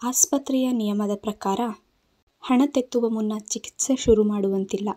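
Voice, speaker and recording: A woman reads a romantic story aloud in a steady, expressive storytelling voice. Her tone is mellow and soft rather than bright. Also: medium pitch, measured pace. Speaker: audio story narrator. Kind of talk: scripted narration.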